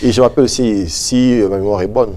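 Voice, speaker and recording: A Congolese man with a low, mellow voice speaks fast as an expert guest. He presses his points insistently and circles back to them. Faint noise sits under the recording. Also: steady tone. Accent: Congolese French. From Democratic Republic of the Congo. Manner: emphatic, insistent, repeats points. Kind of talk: studio TV interview.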